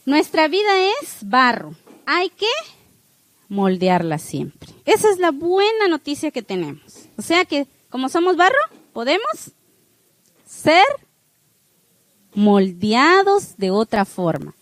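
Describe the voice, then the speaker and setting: Slow and sing-song, her high voice guides the class directly, with warm coaching encouragement and frequent "¿sí?" check-ins. The instruction wraps up spiritually; there's no room sound, though the audio is poor.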